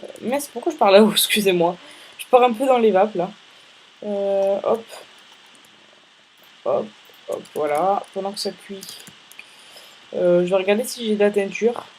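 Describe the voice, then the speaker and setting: A man's voice: sits high, measured pace, pauses often, slight background noise, low-quality recording. A male gaming host giving casual, rambling let's-play commentary, chatting playfully with viewers between tasks.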